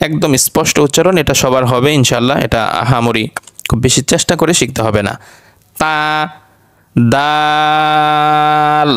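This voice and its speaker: A man's voice: medium pitch, no room sound, clean studio sound. A man teaching Quran pronunciation, patiently repeating each letter sound several times. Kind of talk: lesson.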